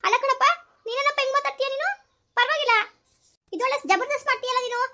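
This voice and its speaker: An exasperated young family member, played by a woman in an amateur comedy skit who argues back and pleads for calm. Her voice is extremely high and the words tumble out at great speed. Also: racing. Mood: protesting. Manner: protesting, pleading. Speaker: actor in a village family skit.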